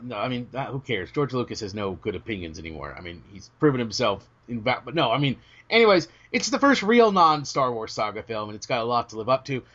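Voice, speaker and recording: British male podcast co-host, a bit hoarse, lively pitch swings, dull lo-fi sound, jokey and self-interrupting. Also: fast talker, few pauses. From Britain. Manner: animated, joking, self-interrupting. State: starting to lose his voice. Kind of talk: casual chat. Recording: dull lo-fi audio.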